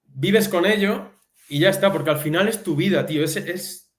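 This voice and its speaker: A man's voice: high-pitched, normal speed. A young man from Spain, a teacher, chatting casually and informally as a guest, peppering his talk with slang. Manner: informal, says tío a lot, lively and laughing. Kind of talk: casual chat. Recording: echoey room.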